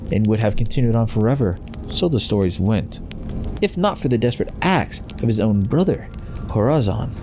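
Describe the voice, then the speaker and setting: A man giving a solemn, theatrical scripted narration of a fantasy story. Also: fairly low pitch.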